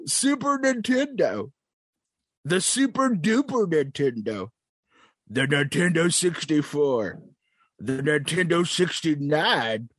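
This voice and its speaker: A man's voice: on the high side, lively intonation, a bit bright, no room sound, clean studio sound, full character voice. A man playing a cantankerous old prospector. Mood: boastful. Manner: slow, drawling, self-important, with throat-clearing. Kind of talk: improvised comedy bit.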